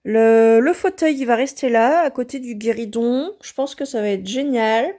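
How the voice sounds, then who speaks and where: In a casual vlog, a French woman walks viewers through her home craft room, pausing hesitantly between thoughts and using many filler sounds. She speaks at a normal speed in a dark voice on the high side.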